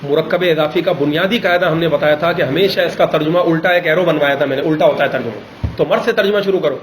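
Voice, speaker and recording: Man teaching grammar, quizzing students, slightly high voice, echoey room, faint hiss. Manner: patient, corrective, quizzing students. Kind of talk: Arabic grammar class.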